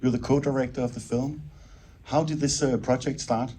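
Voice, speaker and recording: A man's voice: mid-range voice, steady tone, moderate pace, mellow. A man moderating a film Q&A, asking questions in a conversational, hesitant way. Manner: conversational, hesitant with filler words. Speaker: event moderator. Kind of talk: hosting a post-screening Q&A. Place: screening venue with live audience. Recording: noisy room with crowd murmur.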